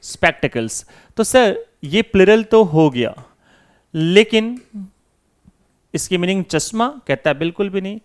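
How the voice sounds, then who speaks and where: A man's voice: sits high, animated, unhurried, pauses often, clean tone. A man teaching English grammar in Hindi, asking and answering his own questions as if voicing his students. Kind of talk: classroom lesson.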